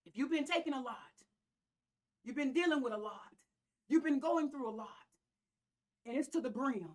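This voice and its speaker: A woman's voice: high voice, lively intonation, moderate pace. A woman pastor with a Southern US accent preaching a sermon in an emphatic, folksy way, repeating key phrases. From American South. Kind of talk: church sermon.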